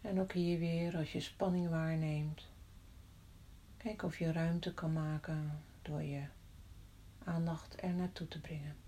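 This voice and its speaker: A woman guiding a body-scan meditation in a soft, often whispered voice, slow and calm with long pauses. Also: deep voice, slight background noise. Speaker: meditation guide.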